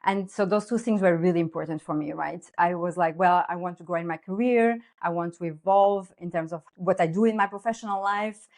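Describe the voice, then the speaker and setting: A woman's voice: on the low side, a little mellow. A woman in her thirties from Portugal with a Portuguese accent, a guest coach explaining her work earnestly in a podcast interview. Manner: earnest, explanatory, with fillers and restarts.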